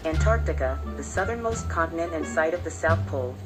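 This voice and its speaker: A synthetic woman's voice working as a voice assistant, giving answers in a polite, measured, evenly articulated way. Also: sits low, expressive. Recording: music playing over the voice.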